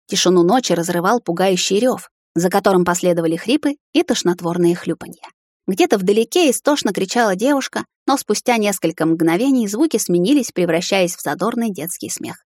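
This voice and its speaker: A woman narrates a fantasy audiobook in a steady, measured way. Her voice sits low and sounds dry and close, with no room around it. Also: no echo.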